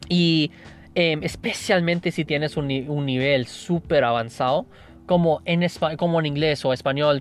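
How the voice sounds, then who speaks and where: A man whose first language is English, speaking in a casual spoken monologue as a language learner, thinking aloud with frequent restarts and tag questions. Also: on the high side. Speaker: language learner sharing tips.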